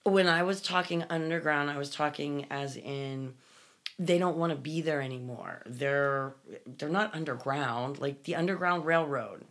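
A woman with a low voice co-hosts a podcast, talking in an easy, chatty way. She fills her pauses with ums and often restarts her sentences. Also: fairly bright tone. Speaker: podcast co-host. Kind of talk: casual chat.

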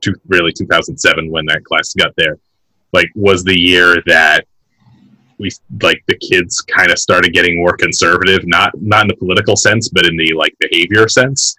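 A man's voice: sits low, steady tone, normal speed, pushed and bright, no room sound, rough recording. A man in his late thirties chatting on a podcast, hesitant and full of restarts. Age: 30s. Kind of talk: casual chat.

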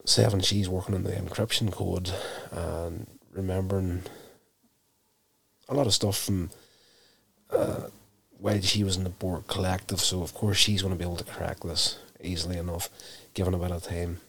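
A man casually recapping a TV episode, telling it in an unhurried, self-correcting way. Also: sits low, steady tone, vocal fry, fairly bright tone, husky.

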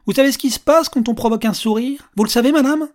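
A narrator voicing a jovial, eccentric old man who teases strangers loudly and theatrically in an audiobook. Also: mid-range voice, fast, pitched above the performer's own voice, lightly acted. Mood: loud, teasing. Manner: loud, theatrical, teasing. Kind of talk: audiobook character voice.

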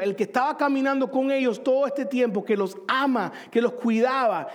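A middle-aged man from Cuba preaching a sermon in a conversational way, asking the congregation questions and joking with them. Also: extremely high pitch. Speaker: pastor.

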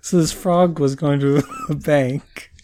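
A man telling a joke casually among friends in a halting, meandering way. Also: a little high, fairly even intonation, dark tone, a little hiss or hum.

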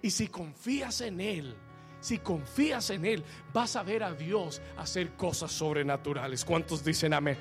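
A male pastor preaching a fervent sermon, swelling to shouts and calling the congregation for amens. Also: fairly high pitch, a little slow, faint music behind.

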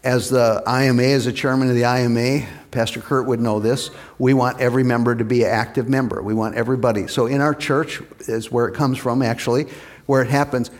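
A male pastor preaching a lively sermon in church and calling on the congregation for amens. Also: mid-range voice, a little fast.

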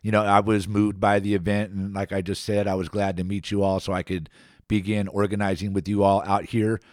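A man hosting a community radio interview, relaxed and conversational with frequent fillers. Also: on the low side, fairly quick, dry recording, studio quality. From Antioch area, Contra Costa County. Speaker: radio show host.

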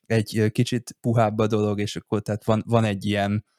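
Low-voiced rambling man, dry sound. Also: level tone, a little mellow, no room sound. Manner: rambling, with fillers and restarts. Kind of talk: casual chat.

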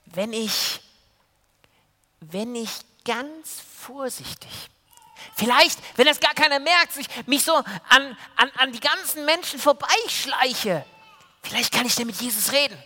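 A man's voice: very high voice, animated, a little slow, pushed and bright, in a large hall, pitched above the performer's own voice, full character voice. A man voicing a lonely, timid sick woman who frets and stammers anxiously in a children's story.

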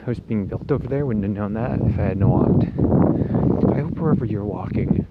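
A man with a low voice talks casually and hesitantly, his speech a little puffy-cheeked after having wisdom teeth out. He meanders in a laid-back way, as if walking and thinking aloud. The phone recording is dull and swamped by loud outdoor noise. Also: moderate pace. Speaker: solo podcast host. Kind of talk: casual rambling walk-and-talk monologue. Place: outdoors walking on a residential street. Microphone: handheld phone. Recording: noisy outdoor phone recording, wind, passing cars.

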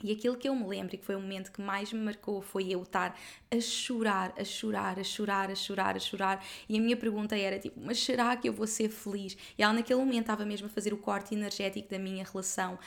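A young adult woman from Portugal with a European Portuguese accent, hosting a podcast and telling a personal story straight to her listeners in a heartfelt, earnest way, talking quickly with lots of fillers and repeated words. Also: mid-range voice, steady tone, vocal fry. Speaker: podcast host.

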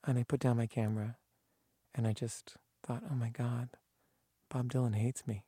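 A man's voice: mid-range voice, slightly rough, dry recording, clean studio sound. A man telling a personal story in a casual way, acting out the people he quotes, with frequent restarts. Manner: animated, acts out quoted voices, halting restarts. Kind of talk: casual anecdote.

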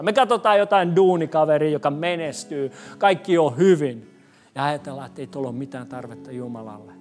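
A male pastor preaching a sermon in a conversational style, moving from emphatic lines to hushed ones. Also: fairly high pitch. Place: church.

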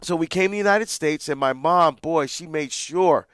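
A man's voice: a little high, normal speed, no room sound, studio quality. Earnest Barbados-born man hosting radio. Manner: earnest, warm storytelling with frequent restarts. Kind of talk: live call-in radio talk.

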